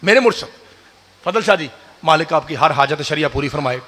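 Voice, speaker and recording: A man preaching a sermon, fiery and addressing the crowd directly, rising to shouts. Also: a little high, animated. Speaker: preacher at a religious gathering. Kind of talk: sermon with call-and-response. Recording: long hall reverb.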